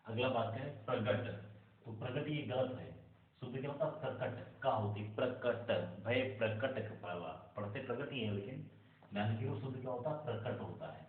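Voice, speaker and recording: A man's voice: mid-range voice, moderate pace. A man teaching Hindi spelling as a lesson, drilling right and wrong forms of words and often telling students to keep them in mind. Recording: echoey, distant, phone-like sound.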